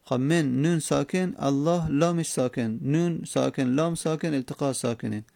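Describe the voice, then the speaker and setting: Gravelly-voiced man teaching grammar. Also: a little high, mellow, no echo. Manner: patient, repeats examples, rhetorical questions. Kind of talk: classroom lesson explaining grammar rules.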